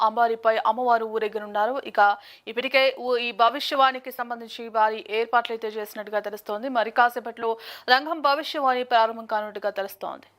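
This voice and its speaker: A woman's voice: a little high, fairly even intonation, fast, a bit bright. A woman presenting live television news as an anchor.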